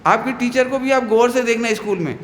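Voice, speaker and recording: High-voiced man teaching children in an echoey hall. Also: a little fast, fairly bright tone, slight background noise. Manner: playful, quizzes the class with questions; acts out scolding mothers and teachers. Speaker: religious teacher. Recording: echoey hall with long reverb.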